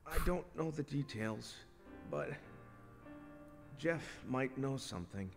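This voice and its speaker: An actor playing a guilt-ridden, badly wounded man in a video game, gasping and halting as he speaks. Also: medium pitch, lively intonation, soft background music. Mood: weak, halting.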